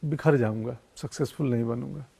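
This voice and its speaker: A man's voice: medium pitch, brisk, creaky, dark tone, slightly rough. A middle-aged actor speaking as a guest in an interview, musing and philosophical, telling stories from his life. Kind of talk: reflective interview conversation in Hindi mixed with English.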